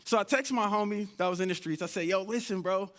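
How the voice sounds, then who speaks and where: Male motivational speaker with a high voice, animated storyteller who acts out his own dialogue on stage. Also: fast talker. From United States (Indianapolis). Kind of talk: live motivational storytelling talk. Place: event stage before an audience.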